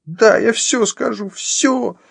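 A man's voice: high-pitched, lively intonation, unhurried, slightly rough, dry recording, studio quality, voice pushed up, heavily acted. A man voicing a terrified young woman, an ex-wife who pleads shrilly through tears, in an audiobook. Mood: terrified pleading.

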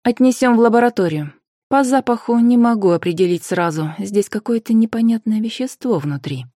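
A bold, sharp-tongued young witch on the case, as a woman reads her, a little higher and louder than the narration around her. She talks in brisk commands and quick comebacks, mellow in tone and dry in sound. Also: lively intonation, no echo. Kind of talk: audiobook character voice.

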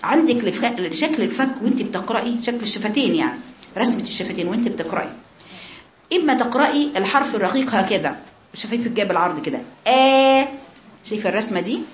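A woman's voice: mid-range voice, animated, very fast, reverberant, a little hiss or hum. An Egyptian woman teaching a Quran recitation lesson, speaking to her girl students and demonstrating the sounds herself. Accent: Egyptian Arabic.

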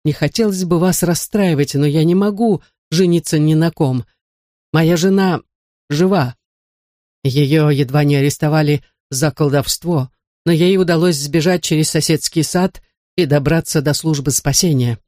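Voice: mid-range voice, moderate pace, a little mellow, no echo, clean studio sound, lightly acted. A narrator voicing a timid, flustered schoolmaster who is secretly a wizard, nervous and pleading, in a storybook reading. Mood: anxious. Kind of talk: audiobook character voice.

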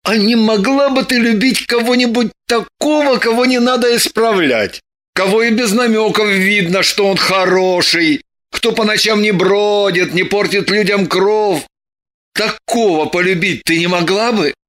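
A man's voice: high-pitched, measured pace, fairly bright tone. An actor playing a sardonic, exasperated young man who scolds with theatrical sarcasm in an audiobook. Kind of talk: audiobook dialogue.

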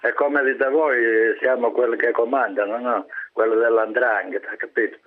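A man's voice: mid-range voice, steady tone, normal speed. A man from Calabria with a strong Calabrian accent, talking in emphatic, colloquial regional Italian as a caller to a radio phone-in. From Calabria, southern Italy. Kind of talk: casual opinionated chat. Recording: tinny phone line.

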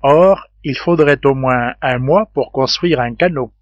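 A calm male engineer who leads the group, weighing each point in a measured way, voiced by a man reading aloud. The voice sits at a middling male pitch. It sounds close and dry, with slightly dull highs. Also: no echo, close to an everyday voice.

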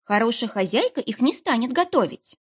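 A woman's voice: on the high side, sing-song, brisk, slightly rough, pitched above the performer's own voice. A woman voicing a young woman who plays dumb in a pitiful, trembling voice and rambles on nervously. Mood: pitiful chatter. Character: young woman playing a whiny simpleton.

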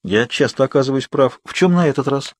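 A man reading the lines of a calm, amused teenage boy who savours his words. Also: mid-range voice, fairly quick, no echo, voice pushed up, close to an everyday voice.

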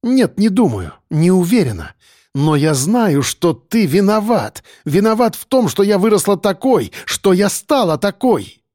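A man voicing a bitter, hostile young woman on the run, sharp and accusing. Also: sits high, very animated, a little slow, no room sound, clean studio sound, voice pushed up.

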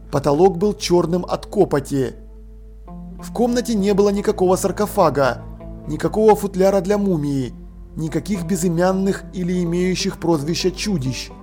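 A male narrator reads a comic novel aloud in a measured, expressive way. His voice sits high for a man. Soft music plays faintly beneath him. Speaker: audiobook narrator. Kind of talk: scripted literary narration.

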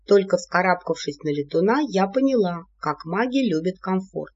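An audiobook narrator telling a fantasy story in a lively, playful storytelling manner. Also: mid-range voice, moderate pace. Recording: dull lo-fi audiobook recording.

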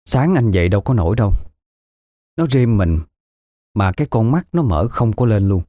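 A man's voice: on the low side, big pitch swings, moderate pace, warm tone, dry recording, studio quality. A man telling a ghost story in the first person, in a folksy, colloquial way.

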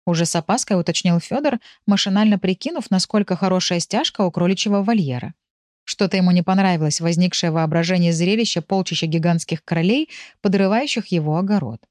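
A woman narrating an audiobook in an expressive storytelling manner, close to the mic. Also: on the low side, brisk, dry recording.

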